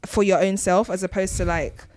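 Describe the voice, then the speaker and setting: A woman co-hosting a casual podcast, chatting in a wry, lively way and laughing often. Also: medium pitch, moderate pace. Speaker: podcast co-host.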